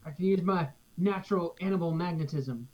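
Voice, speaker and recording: A man's voice: fairly high pitch, brisk. A man playing a tabletop game and talking casually about his plans. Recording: dull lo-fi sound.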